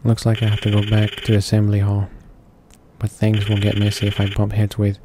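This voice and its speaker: Reading a visual novel briskly with a completely flat delivery, a let's player speaks at a fairly low pitch over a noisy background with video game music. Now and then he stumbles over a word.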